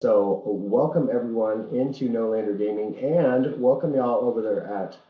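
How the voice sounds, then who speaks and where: Sounding under the weather with a head cold, a man with a mid-range voice delivers casual commentary on his racing livestream. He's folksy and sincere, stumbling now and then, and the audio has phone-like quality in an echoey room.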